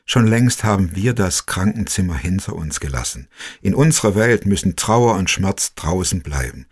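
A man narrating a personal story in the first person, slow, quiet and reflective. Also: low-pitched, expressive, husky.

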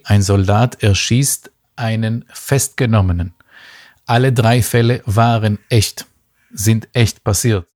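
A man from Israel explaining at length in a measured, thoughtful way, with many pauses and restarts. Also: lowish voice, a little mellow. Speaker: guest expert. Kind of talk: explanatory podcast talk.

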